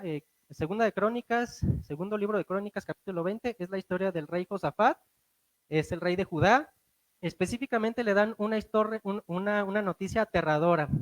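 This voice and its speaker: A man with a Mexican accent preaching a sermon, animated, slowing and rising for emphasis, asking the congregation rhetorical questions. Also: high voice, dry recording.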